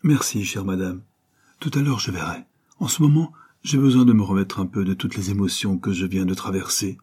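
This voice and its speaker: A man reading an audiobook, voicing a young mother who speaks in a hushed, trembling way. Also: low voice, a little fast, husky. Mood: shaken. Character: young mother, shaken and tearful. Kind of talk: audiobook character voice.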